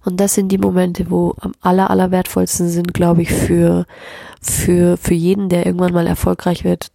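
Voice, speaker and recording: A woman hosting a solo podcast, speaking openly and reflectively about her feelings after crying, her nose a little stuffy, sometimes dropping into soft whispers. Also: fairly low pitch, creaky, no room sound. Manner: open, emotional, self-reflective, drifting into soft whispers. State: teary, slightly stuffy nose. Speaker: podcast host. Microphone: plug-in microphone, close.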